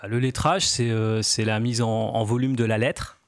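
A man in his forties, a graffiti artist guest on a radio show, explaining slowly with many fillers and restarts. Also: medium pitch, little pitch movement, no echo. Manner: hesitant, many fillers and restarts, laughs lightly. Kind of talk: casual radio interview.

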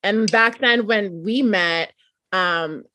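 A woman hosting an interview, chatty and relaxed, giving frequent affirming murmurs. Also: mid-range voice, slow, no room sound. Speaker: host. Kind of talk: casual interview talk.

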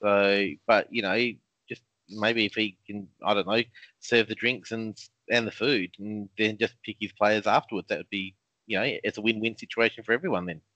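A laid-back man co-hosts a joking fantasy football chat, full of ums and easy asides. His voice sits fairly low. The recording is dry and a bit muffled. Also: steady tone, moderate pace, pushed and bright, no room sound. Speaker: podcast co-host. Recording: dull lo-fi sound.

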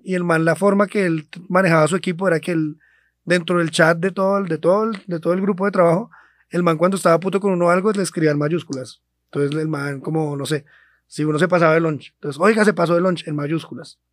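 A man's voice: a little high, fairly even intonation, fast talker, no room sound, studio quality. A young man with a Colombian accent, co-hosting a podcast. He tells a long story in loose slang, swearing freely. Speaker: podcast co-host. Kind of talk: casual storytelling chat.

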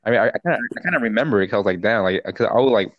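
A young man in casual chat, rambling and halting with many fillers. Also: on the low side, animated, no echo, highs cut off.

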